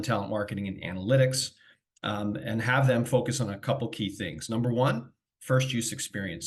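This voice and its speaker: Man, business webinar host, lowish voice, energetic and fluent, video-call audio. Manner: energetic, fluent, a few fillers. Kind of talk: corporate webinar presentation.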